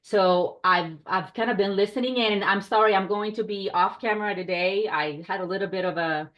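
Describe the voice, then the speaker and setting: A woman's voice: medium pitch, normal speed, lo-fi sound. A woman from Puerto Rico, a company director, giving an enthusiastic, chatty business presentation on a video call. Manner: enthusiastic, chatty, warm hospitality tone. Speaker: director of short-term rentals, presenter.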